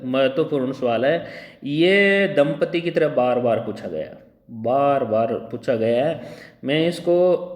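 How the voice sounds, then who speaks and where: A man teaching Hindi grammar for exam preparation, repeating wrong and right spellings one after another and often clearing his throat. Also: fairly high pitch, a little mellow. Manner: drills by repeating the wrong and right word forms. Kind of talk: exam-prep spelling lesson at a board. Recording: echoey room with long reverb.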